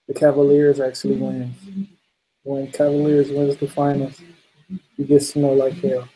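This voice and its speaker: A man's voice: on the high side, darkish tone, slightly rough, poor audio. A man hosting a casual late-night livestream, laid-back and laughing often as he reads out viewer comments. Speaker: livestream host.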